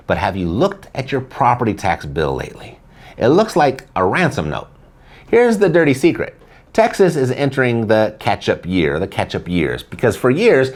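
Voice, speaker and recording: Male host for scripted explainer narration; mid pitch, highly animated, dry sarcasm with dramatic emphasis. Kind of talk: scripted video essay narration.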